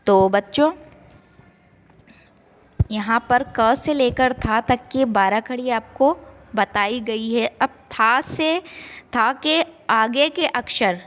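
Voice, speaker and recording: A woman teacher slowly drilling syllables for young children, saying each sound twice in an online class. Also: on the high side, fairly bright tone, big-room sound.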